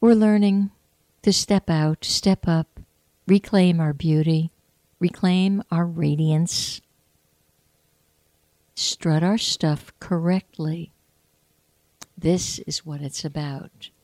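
A woman hosting a spiritual, inspirational talk, speaking in an earnest, heartfelt and measured way. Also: on the low side, steady tone, a little mellow, dry recording. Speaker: host.

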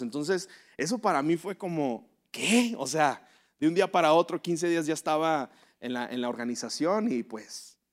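A man preaching a sermon in a relaxed, conversational way, mixing personal testimony with jokes and often asking his listeners for agreement. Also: a little high. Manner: conversational, humorous, asks "¿verdad?" often.

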